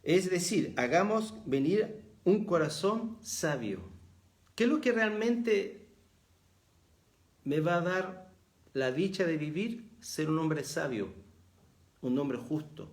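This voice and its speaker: A man's voice: fairly high pitch, lively intonation, slow, pauses often. A middle-aged man with a Chilean accent, preaching a reflective sermon and rising in emphasis as he reads verses aloud. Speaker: pastor.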